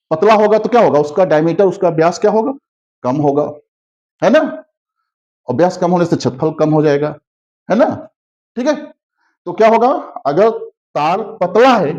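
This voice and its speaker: A male teacher giving a classroom physics lesson, who keeps checking understanding with tag questions and slows down to spell out key terms. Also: high voice, darkish tone. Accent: Hindi. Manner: repetitive, constantly asks "है ना?" checking understanding. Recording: slightly dull lo-fi audio.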